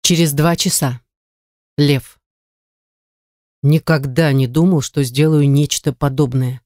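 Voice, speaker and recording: An audiobook reader telling a first-person story in a measured, wry way, into a close mic. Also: mid-range voice, fairly even intonation, a little mellow, dry recording.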